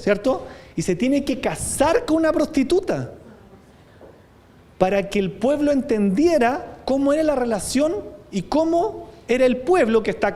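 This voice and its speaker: Chilean pastor, male, high mellow voice; conversational sermon, reads scripture with force. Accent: Chilean Spanish. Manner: conversational preaching with frequent rhetorical tag questions.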